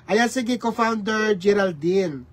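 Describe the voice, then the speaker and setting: A man's voice: high voice, slow, no echo. A man hosting a casual livestream, greeting viewers by name with repeated hellos. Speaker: livestream host.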